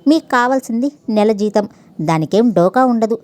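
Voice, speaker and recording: A cheeky young man who shrugs off his studies, told with teasing wryness, as a woman reads him aloud. The voice sits fairly high with a mellow, warm tone. It is a calm storybook reading. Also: normal speed, natural voice. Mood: wry. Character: young male student, cheeky and carefree.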